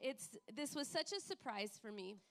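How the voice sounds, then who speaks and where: Emotional high-voiced woman preaching. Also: lively intonation, vocal fry. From United States. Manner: emotional, laughing often, halting restarts. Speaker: missionary preacher. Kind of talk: sermon with live interpreter. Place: church.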